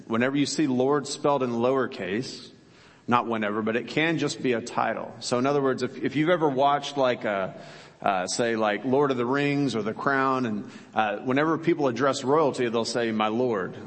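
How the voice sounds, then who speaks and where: A man preaches from the pulpit in an easy, conversational tone of mid pitch. He keeps asking his listeners rhetorical questions. A long reverb from the large church space hangs on every phrase. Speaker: pastor. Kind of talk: sermon.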